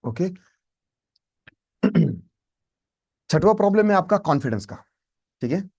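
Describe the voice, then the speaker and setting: A man's voice: sits high, very animated, takes it slowly, a little mellow, breathy edge. A man teaching a spoken English lesson, emphatic and repeating his key points.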